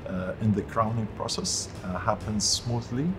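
A man's voice: on the low side, steady tone, normal speed, noisy background. A man speaking in an interview, earnest and a little hesitant. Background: music bed.

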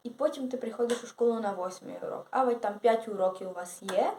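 A woman's voice: a little high, fast, mellow, slight background noise. Rambling teen girl vlogger in an echoey room. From Ukraine. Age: teenager. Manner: rambling, with self-corrections and hesitations. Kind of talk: casual vlog chat.

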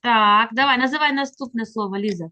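Fairly high-voiced woman teacher coaxing a small pupil over a video call, slow and kind. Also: bright, forceful tone, highs cut off. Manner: patient, encouraging, slow coaxing prompts. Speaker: literacy teacher. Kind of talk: online reading lesson with a child.

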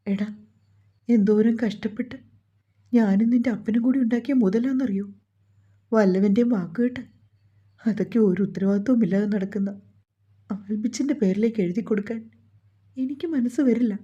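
A woman's voice: fairly high pitch, normal speed, pauses often, dark tone, breathy edge. A woman voicing a worried older mother who pleads and scolds in an emotional tone, on a dull lo-fi recording. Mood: pleading.

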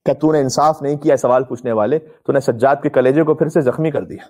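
Talking fast in a dark-toned, medium-pitched voice, a man preaches an impassioned sermon on a live stream. His delivery is emphatic and declamatory with a mournful, story-driven feel, set in an indoor room draped with religious banners.

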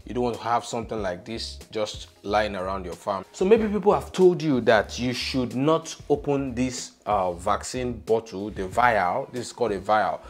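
A man's voice: fairly low pitch, lively intonation, normal speed, hardly any pauses, faint music behind. A young man hosting a poultry channel, explaining a hands-on demonstration step by step with emphasis, on a lapel mic in a small studio room.

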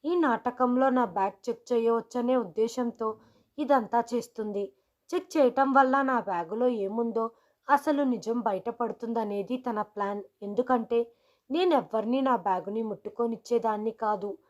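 A woman narrating a story in a steady, even reading. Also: a little high, normal speed.

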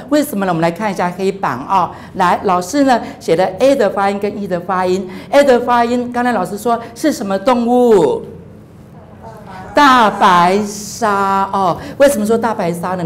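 A woman in her forties teaching English phonics on television, upbeat and full of praise. She models each sound with drawn-out repeats and mixes English words into her talk. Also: mid-range voice. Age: 40s.

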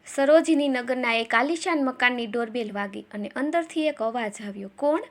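A woman narrating a dramatic family story in a measured storytelling manner. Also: fairly high pitch.

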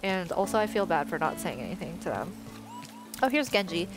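Streaming a life-sim game from her bedroom, a twenty-something native Tagalog speaker chats on a headset, rambling with plenty of fillers over the game's music. Her voice sits on the low side, swings widely in pitch, and moves fairly quickly.

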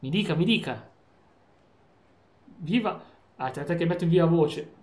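A man's voice: fairly high pitch, animated, normal speed, a little mellow, echoey room. A man streaming a video game, joking playfully with his chat and friends. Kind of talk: live gameplay stream chat.

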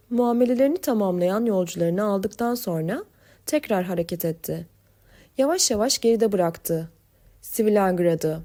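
A woman narrating an audiobook novel in a measured, expressive way. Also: medium pitch.

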